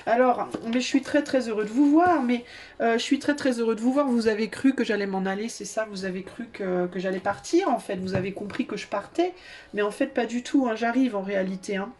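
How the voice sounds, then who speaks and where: A woman voicing a restless male tarot card who rambles about always rushing and crashing into things, full of hesitant restarts. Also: on the high side, darkish tone, natural voice. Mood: cheerful.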